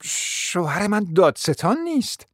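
A man's voice: high voice, big pitch swings, fairly bright tone, dry recording, studio quality, voice pushed up, full character voice. A man voicing a proud middle-aged mother and hostess in an audiobook, speaking formally and insistently. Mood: formal, polite.

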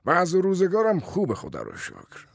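A man reading a story aloud, voicing a sly middle-aged male businessman who hedges and speaks in a low, hushed tone. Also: huge pitch swings, gravelly, no room sound, studio quality, heavily acted. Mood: cagey. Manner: hesitant, dodging with fillers, low and hushed.

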